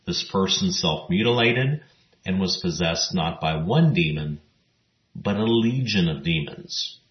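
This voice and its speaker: A man with a very low voice delivers scripted Bible teaching at an unhurried pace. He reads the scripture passages in a measured, even manner. The sound is roomy and a little muffled. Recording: roomy, dull lo-fi recording.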